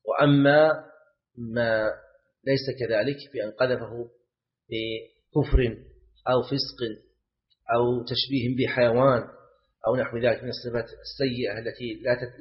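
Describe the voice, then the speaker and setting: Male religious teacher, mid-pitched voice, explanatory lecture with repeated words and questions, dull lo-fi recording. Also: fairly even intonation, moderate pace, long pauses. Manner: repeats key words, asks the class questions. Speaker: Islamic scholar teaching a class. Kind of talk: lecture commentary on a legal text.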